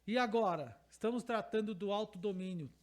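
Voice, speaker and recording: High-voiced Brazilian pastor teaching. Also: male voice, fairly quick. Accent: Brazilian Portuguese. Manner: emphatic, repeats key phrases, asks the congregation questions. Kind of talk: teaching sermon.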